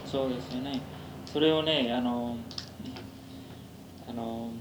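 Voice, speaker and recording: A man conducting a conversational interview in a polite, hesitant way with halting phrasing. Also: medium pitch, fairly even intonation. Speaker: interviewer, preacher. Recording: distant, echoey, noisy interview tape.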